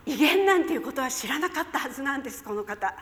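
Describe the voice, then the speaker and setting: A woman giving an emotional sermon testimony, dramatic and swinging from hushed tones to loud outbursts. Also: high voice, lively intonation, quick pace. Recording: long hall reverb.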